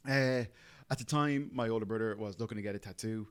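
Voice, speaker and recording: Brisk, clear and resonant, this lowish male voice belongs to a tattoo artist in his thirties from Ireland with an Irish accent. Appearing as a podcast guest, he talks casually and rambles, filling his speech with phrases like "you know."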